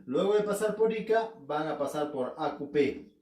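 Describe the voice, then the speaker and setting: A man teaching a literature class in a casual, animated way, asking questions and answering them himself. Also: a little high, normal speed. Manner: animated, asks and answers his own questions. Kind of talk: casual remote class lecture. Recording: echoey room, voice somewhat far from mic.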